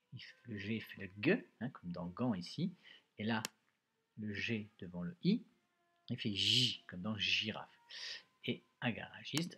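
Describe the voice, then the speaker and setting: A man teaching a dictation lesson to young pupils, slow and patient, spelling words out syllable by syllable and often adding "hein". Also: on the low side, bright, forceful tone, a little hiss or hum. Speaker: primary school teacher. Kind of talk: recorded remote dictation lesson.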